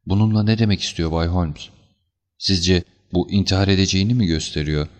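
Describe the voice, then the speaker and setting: A man's voice: low-pitched, a little fast, in a large hall, natural voice. A man voicing a distraught, emotional older banker who speaks in pleading, anguished bursts, for an audiobook. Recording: slightly dull lo-fi recording.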